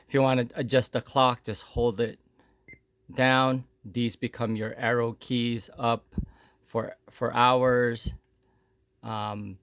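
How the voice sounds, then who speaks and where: A mid-pitched male product demonstrator walks slowly through an unscripted hands-on demo. He explains in a plain, low-key manner, speaking in short, halting phrases with pauses, and there is no room sound.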